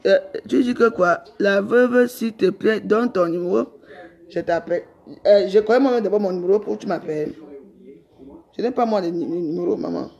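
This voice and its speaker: A woman's voice: mid-range voice, normal speed, vocal fry, a little mellow, dull audio. A middle-aged woman, ranting defiantly on a live stream and rambling with repeated words. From Cameroon. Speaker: social media livestreamer.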